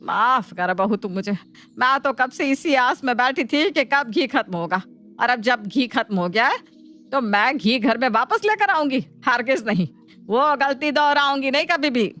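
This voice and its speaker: A woman's voice: sits high, lively intonation, normal speed, pushed and bright, soft background music. A woman voicing a middle-aged mother-in-law who complains dramatically and schemes in a cartoon. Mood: complaining. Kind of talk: cartoon voice acting.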